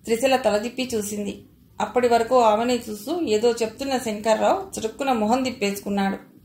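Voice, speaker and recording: A woman with a Telugu accent reads a novel aloud as an audiobook, voicing the dialogue with little change from her narrating voice. Her voice sits fairly high, and the recording carries a noticeable room echo. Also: fairly even intonation, a little fast, darkish tone. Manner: reads all characters in a near-plain narrating voice.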